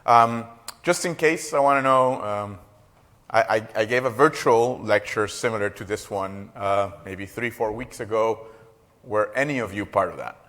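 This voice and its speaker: Speaking into a lapel mic, this roughly forty-year-old man from Costa Rica gives a keynote lecture in a big lecture hall, and the sound echoes with long reverb. His lowish voice has a slightly bright edge and a moderate pace. Hesitation runs through his delivery, which is packed with fillers and light jokes.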